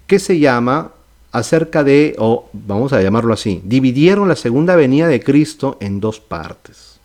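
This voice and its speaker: Pastor teaching with "ok?" check-ins. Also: male voice, mid-range voice, darkish tone. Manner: explanatory, with frequent "¿ok?" and "¿verdad?" check-ins; restarts and self-corrections mid-phrase. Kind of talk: Bible study sermon.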